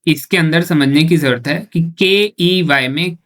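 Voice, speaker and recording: A man's voice: fairly high pitch, measured pace, a bit bright. Patient male shorthand teacher. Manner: asks rhetorical questions and answers them himself; repeats each point patiently, often checking with "okay". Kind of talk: step-by-step classroom explanation.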